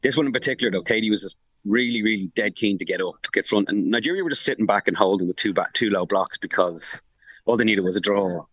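Fast-talking sports reporter, deep voice. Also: male voice, husky, dry recording, poor audio. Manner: rapid, animated, full of restarts and fillers. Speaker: sports journalist reporting from the tournament. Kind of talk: casual podcast analysis. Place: remote link from abroad.

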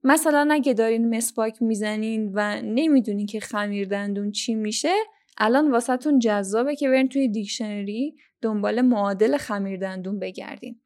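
A young Iranian woman hosting a language-learning podcast, talking listeners through tips in a clear, instructive way. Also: a little high, a little mellow. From Iran. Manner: instructive, addresses listeners directly. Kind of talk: scripted podcast lesson.

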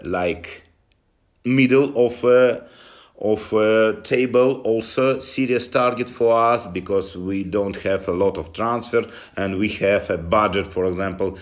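A man with a Russian accent answering interview questions in halting non-native English, often dropping articles. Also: lowish voice. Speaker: interview guest from a football club.

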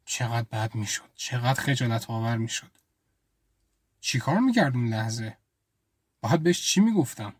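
A man's voice: mid-range voice, lively intonation, pauses often, slightly rough, no echo. A man telling a first-person story as an intimate, reflective inner monologue, close to the mic. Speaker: storyteller and writer.

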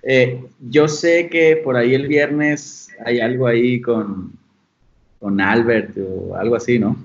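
A man's voice: mid-range voice, fairly even intonation, takes it slowly. A man with a Mexican accent asking questions in a casual, chatty interview. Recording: dull lo-fi audio.

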